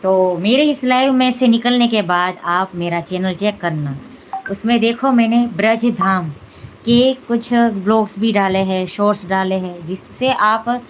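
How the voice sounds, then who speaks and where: A woman hosts a devotional live stream from home, chatting casually and leaning on fillers and little "है ना" asides. Her voice sits at an ordinary middle pitch for a woman, and a faint ambient hum runs behind her. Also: low-quality recording. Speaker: devotional channel host.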